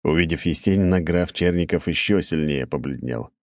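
Low-voiced man narrating a story. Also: normal speed, no echo, clean studio sound. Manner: lively, expressive storytelling. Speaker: audiobook narrator. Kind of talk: scripted audiobook narration.

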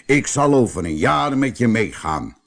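A man voicing a cunning, easygoing male shoemaker who talks calmly and slyly. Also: medium pitch, measured pace, vocal fry. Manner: calm, sly and friendly.

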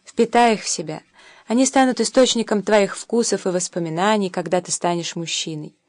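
Woman reading as a gentle philosophical mother. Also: medium pitch, steady tone, fairly quick, no echo, close to an everyday voice. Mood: gentle, reflective. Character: tender, philosophical young mother teaching her son.

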